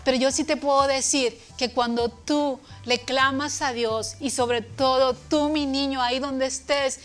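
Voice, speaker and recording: A woman teaching a children's church lesson, speaking tenderly to the kids and booming out dramatic commands in her story, with a Latin American Spanish accent. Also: steady tone, measured pace, soft background music. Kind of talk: children's sermon.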